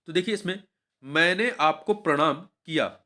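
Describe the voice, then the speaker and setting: Walking through exam prep at a measured pace, this fairly high-voiced man teaches steadily, stating every answer twice. He keeps turning questions back on the viewer as he goes.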